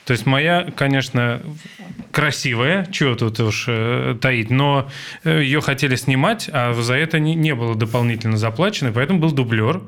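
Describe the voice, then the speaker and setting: A man in his forties hosting a casual chat, telling stories and thinking aloud with many pauses. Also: medium pitch, a bit bright. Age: 40s. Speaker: podcast host.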